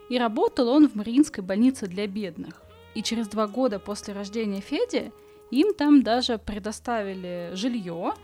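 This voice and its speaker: A woman's voice: medium pitch, a little mellow. A woman podcast host with a burred, impeded r, telling a story informally for bedtime listening in a chatty, colloquial way, with asides. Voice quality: non-rolled, burred r sound (speech impediment). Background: background music.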